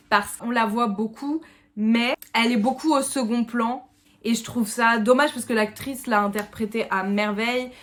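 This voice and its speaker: A woman's voice: on the high side, fairly bright tone. A French woman giving a casual spoken film review in a chatty way, slipping English words into her talk. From France.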